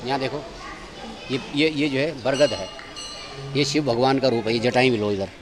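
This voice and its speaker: A man with a medium-pitched voice speaks at a moderate pace while guiding visitors around temple grounds outdoors. He is directive, continually pointing things out to them.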